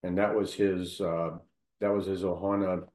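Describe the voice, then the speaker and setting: Male storyteller, very low pitch, halting casual delivery, echoey room. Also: little pitch movement, darkish tone. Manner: storytelling, halting with many fillers and restarts. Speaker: local history storyteller. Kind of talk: casual conversation.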